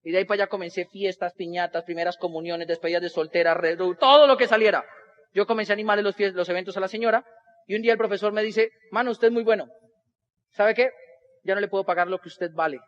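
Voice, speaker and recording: A man's voice: high voice, fast, muffled recording. A Colombian man telling a humorous life story to an audience, acting out the people in it. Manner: animated, acts out other people's voices in dialogue.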